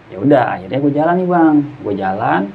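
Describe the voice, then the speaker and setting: A man's voice: medium pitch, very animated, brisk, gravelly. A man telling a story in casual slang and acting out the dialogue. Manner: slangy Jakarta-style speech, acts out dialogue. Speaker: guest storyteller. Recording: muffled lo-fi with faint hiss.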